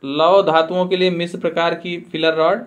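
A man's voice: on the high side, level tone, moderate pace. A man teaching a trade quiz, reading out each question and its options, then giving the answer with a careful explanation. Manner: methodical, repeats each answer with a Hindi explanation. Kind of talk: quiz-style lesson, reading questions aloud.

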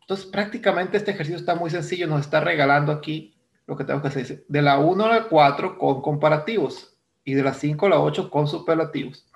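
Male English teacher with a Mexican Spanish accent, fairly high and gravelly, walking students through a lesson patiently and repeating key terms. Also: fast. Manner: explains step by step, repeats terms, asks "¿no?". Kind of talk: recorded online grammar lesson.

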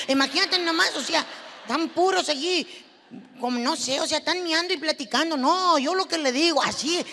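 A brash, foul-mouthed Mexican woman as a performer puts her on with a high, bright voice and a Mexican Spanish accent. She rattles off her stand-up monologue loud and sassy, swearing and throwing questions at the crowd. The sound has long hall reverb and faint noise. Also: full character voice. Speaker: stand-up comic.

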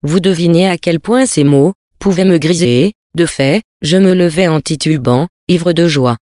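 Story reader, steady and measured, dry close sound, no room echo. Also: mid-range voice. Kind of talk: scripted narration of a novel.

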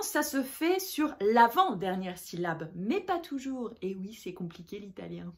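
A woman from France who teaches Italian, giving a lively, emphatic online lesson and speaking straight to the viewer. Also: high-pitched.

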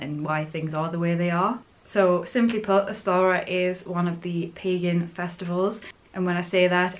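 Woman, 20s, Northern English accent, slightly low voice, informal vlog chat to camera. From Northumbria, northern England. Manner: informal, chatty. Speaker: vlogger. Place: furnished living room indoors.

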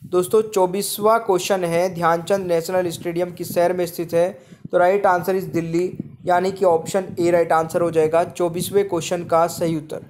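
High-voiced man reading quiz answers. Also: level tone, moderate pace, a little mellow, a little hiss or hum. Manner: repeats each question, addresses viewers as friends. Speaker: quiz teacher. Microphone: voice-over on screen slides.

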